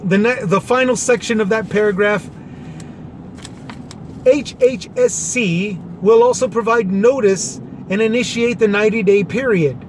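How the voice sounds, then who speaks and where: A man's voice: high voice, a little slow, slight background noise. A man reading out a government order and explaining it in plain words, with a sarcastic edge. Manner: sarcastic, paraphrases in plain terms. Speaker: commentary vlogger.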